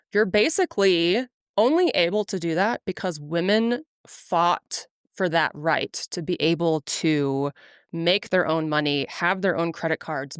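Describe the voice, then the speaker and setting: A podcast host in her early forties chats earnestly and casually, laughing easily throughout. Her fairly low voice is captured with clean studio sound and no echo.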